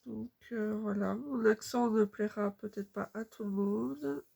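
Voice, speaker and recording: A woman in her thirties chatting casually while she stitches, unhurried and full of fillers. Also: medium pitch, creaky, mellow. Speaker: cross-stitch vlogger.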